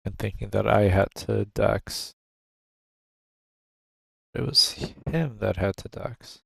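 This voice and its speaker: Gravelly male streamer, close dry mic, low-key muttered game commentary. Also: slow, no echo. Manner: relaxed, musing, thinking aloud. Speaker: gaming streamer. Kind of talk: casual gameplay commentary. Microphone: desk microphone.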